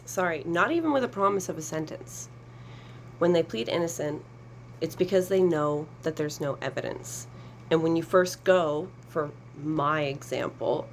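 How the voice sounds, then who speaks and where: A woman's voice: low voice, a little hiss or hum, poor audio. A woman advocate speaking earnestly to camera, explaining a process with emphasis and sarcasm. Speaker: survivor advocate.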